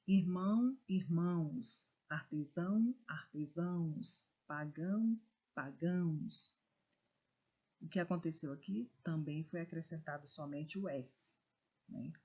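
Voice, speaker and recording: A Brazilian woman teacher giving a recorded lesson to children, reading words slowly and stressing syllables with care. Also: deep voice, warm tone, breathy edge. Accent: Brazilian Portuguese. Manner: slow, careful, stresses syllables when reading words aloud. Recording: dull lo-fi recording.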